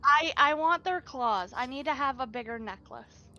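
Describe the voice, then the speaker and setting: A woman player in a tabletop game, excited and giggly. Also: high-pitched, moderate pace, dull audio. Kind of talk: casual tabletop play.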